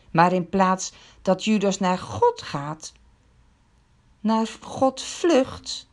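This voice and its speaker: A woman's voice: medium pitch, darkish tone. A woman telling a Bible story to children, dramatic and full of questions to the listeners.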